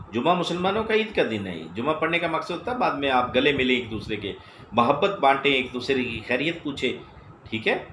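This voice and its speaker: A man's voice: mid-range voice, fairly bright tone, reverberant, slight background noise, rough recording. A man with a Pakistani Urdu accent giving an earnest religious sermon, pressing his listeners with rhetorical questions. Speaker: spiritual teacher.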